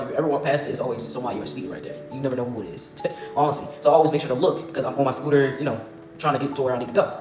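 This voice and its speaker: A young man tells a story to camera in a rapid, profane, laughing way. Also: mid-range voice. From Baltimore, USA. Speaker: storytime vlogger. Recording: echoey room with music behind.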